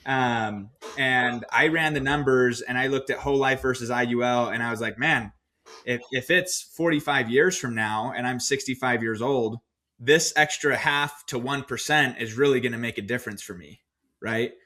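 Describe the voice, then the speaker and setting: A man co-hosting a podcast, recounting his own finance choices in a relaxed, storytelling way with plenty of fillers. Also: mid-range voice, moderate pace. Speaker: podcast co-host. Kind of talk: casual podcast discussion.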